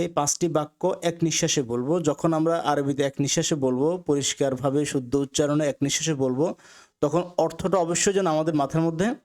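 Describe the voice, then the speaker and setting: পুরুষ আরবি শিক্ষক, ধীরে ধীরে পুনরাবৃত্তি. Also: male voice, on the high side, a little mellow. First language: Bengali. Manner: slow drilled repetition with translations. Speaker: Arabic teacher. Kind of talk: recorded language lesson.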